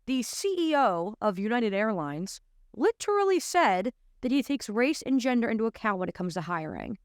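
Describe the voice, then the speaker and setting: This American woman, in her twenties, hosts a show where she gives emphatic, incredulous opinion commentary straight to camera. Her fairly high voice is sing-song at a normal pace, recorded without echo on a close studio mic on an arm in a small indoor studio.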